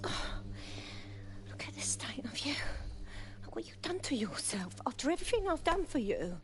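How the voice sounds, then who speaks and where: A high-pitched British female crime boss from a video game. She talks down to people with syrupy, motherly endearments. Underneath, she is mocking and full of menace. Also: very animated, moderate pace, whispered. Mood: scornful. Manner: condescending pet names, menacing. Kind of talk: video game villain acting.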